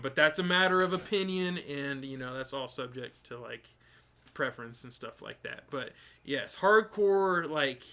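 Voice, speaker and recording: A man hosting a live stream, casually answering viewer questions with lots of ums and restarts. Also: medium pitch. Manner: relaxed, rambling, many ums and restarts.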